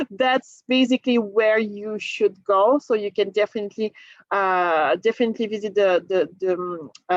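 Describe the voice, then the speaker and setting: In a fairly high-pitched voice, a woman from France with a French accent works as a travel agent giving a relaxed cruise talk to a group. She laughs frequently and often restarts what she's saying. The sound is muffled, with no room sound.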